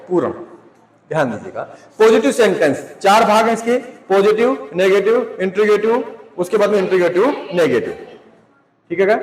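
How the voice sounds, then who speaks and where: A male teacher giving a classroom grammar lesson. He asks his students questions, answers them himself, and spells out English words letter by letter. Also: high voice. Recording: echoey room with long reverb.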